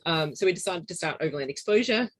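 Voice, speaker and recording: A woman's voice: lowish voice, lively intonation, fast, rough recording. A woman from Newcastle in New South Wales with an Australian accent, a guest on a podcast who chats in a bubbly way, laughing often and using lots of fillers. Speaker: podcast guest, travelling photographer's partner. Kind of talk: casual interview chat.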